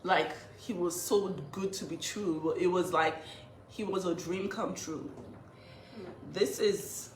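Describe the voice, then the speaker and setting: A woman's voice: fairly low pitch, fairly even intonation, slow, slight background noise. A woman telling her own story in a confessional vlog, earnest, emotional and emphatic. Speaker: vlogger telling her side of a breakup. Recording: echoey room.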